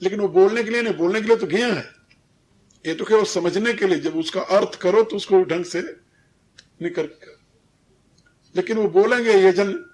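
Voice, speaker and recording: A man's voice: high voice, moderate pace, pauses often, darkish tone. An older man giving a religious discourse as a spiritual teacher, explaining things in a teaching tone and often chuckling. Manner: didactic, chuckles while correcting pronunciation. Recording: 1993 recorded lecture.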